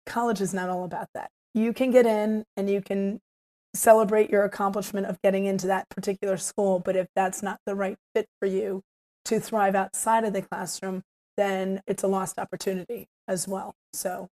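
A woman hosting a conversational interview, her voice hoarse and worn nearly out. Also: mid-range voice, flat delivery, normal speed, dark tone. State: hoarse, voice nearly lost from travel. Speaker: podcast host.

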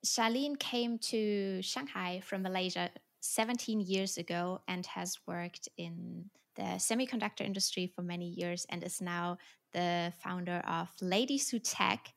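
A woman's voice: lowish voice, vocal fry. A woman hosting a podcast from home, with an upbeat, scripted way of introducing the show and her guest. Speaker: podcast host.

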